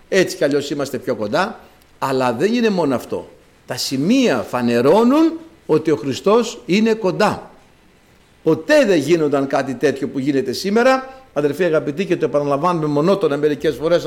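A man's voice: on the high side, lively intonation. A man preaching a sermon, emphatic and repetitive, reading scripture passages aloud. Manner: emphatic, repeats phrases, reads scripture in archaic Greek.

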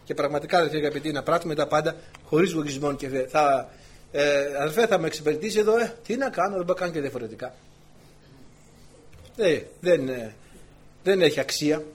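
A man preaching a sermon to his congregation, telling a lively personal story as he goes. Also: long pauses, slightly rough. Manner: animated storytelling, voice climbing high when excited. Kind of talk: sermon with anecdote.

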